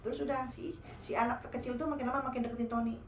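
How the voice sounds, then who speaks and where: A woman casually telling a true horror story, animated and speaking directly to her listeners. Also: fairly high pitch, fast, echoey room, dull audio, slight background noise. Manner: animated, addresses listeners as guys.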